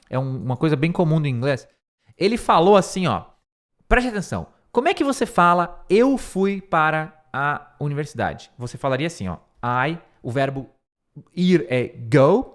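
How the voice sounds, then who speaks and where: This middle-aged man teaches English by stepping through a speech line by line, modeling pronunciation with slow repetitions and self-corrections as he thinks aloud. His voice sits on the high side.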